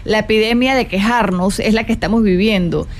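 A middle-aged woman with a mid-range voice hosts a live stream at a brisk pace, casually reflecting on happiness. She's animated, asking rhetorical questions, repeating words, greeting viewers and reading their comments aloud.

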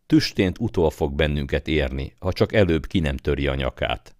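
A lively young slave talks eagerly and with amusement, as a deep-voiced man reading the story puts him on. The voice is low, and the sound is close and dry. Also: dry recording. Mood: eager, amused. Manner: eager, brightly amused talk. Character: lively young male slave, quick and mocking. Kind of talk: audiobook character voice.

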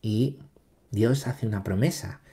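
A man's voice: lowish voice, slow, mellow. A man teaching catechism, repeating phrases and tagging lines with little checks. He reads passages aloud with rising emphasis.

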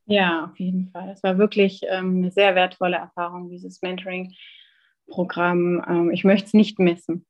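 A woman in her thirties, a guest in an interview, sharing a personal account in an earnest, thoughtful way with many filler pauses. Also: fairly low pitch, level tone, highs cut off.

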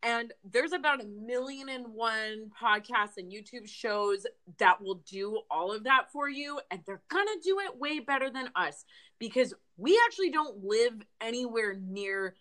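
A woman's voice: fairly high pitch, animated, unhurried, bright, forceful tone. A woman co-hosting a podcast, talking in a chatty, candid and playful way. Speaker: podcast co-host. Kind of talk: casual podcast chat.

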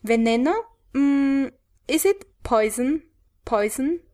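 A woman's voice: high-pitched, drawn-out words, warm tone. A woman co-hosting a bilingual pronunciation lesson, giving the English word for each prompt and repeating it. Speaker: co-host answering as student.

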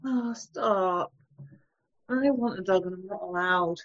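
A woman co-hosting a podcast in casual chat, lively and teasing. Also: medium pitch, takes it slowly, muffled recording. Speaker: podcast co-host.

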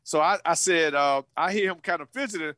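A man in his fifties tells an old story in a high, lively voice. His delivery is full of slang and repeated words, and he acts out other people's voices as he goes. The recording is dry and close. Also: brisk, dry recording. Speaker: guest, former college football player. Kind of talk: animated storytelling.

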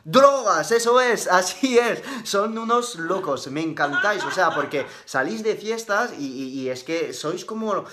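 A man's voice: a little high, expressive, a little slow, few pauses, background noise. A man with a Spain Spanish accent hosting a casual live-stream Q&A, chatty and upbeat, tossing in slang like bro. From Madrid, Spain. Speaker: fitness live-stream host.

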